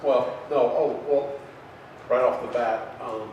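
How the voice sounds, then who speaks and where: A man's voice: medium pitch, steady tone, slow, highs cut off. A man in his forties, a comedian ranting about what annoys him, rambling and swearing constantly with lots of fillers. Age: 40s. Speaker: open mic comedian guest. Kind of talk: profane comic rant. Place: record store. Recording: very echoey room, mic far off, faint noise.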